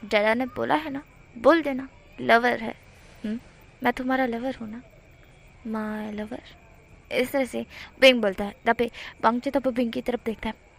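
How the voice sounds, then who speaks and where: A young woman retells a romance fan story in a relaxed, chatty way, talking straight to her viewers. Her voice sits high and carries a gravelly fry. She slips into the characters' quoted lines as she goes. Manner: chatty, addresses listeners as guys, mixes English words. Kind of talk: casual story retelling with acted dialogue.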